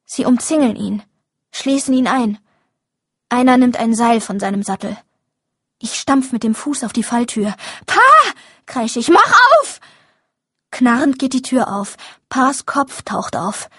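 Sex: woman. Role: audiobook narrator. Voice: husky, fairly high. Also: unhurried, no room sound, clean studio sound. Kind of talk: first-person audiobook narration.

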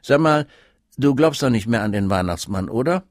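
A man's voice: medium pitch, expressive, moderate pace, no echo, studio quality, close to an everyday voice. A man voicing a brash young male student who works as a hired Santa, lecturing in a cheeky, matter-of-fact way. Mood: offhand.

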